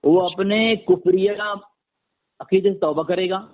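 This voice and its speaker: A man on a phone call firmly laying out numbered conditions for a religious debate. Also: high-pitched. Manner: insistent, lists numbered conditions formally. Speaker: debater setting terms. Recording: tinny phone line.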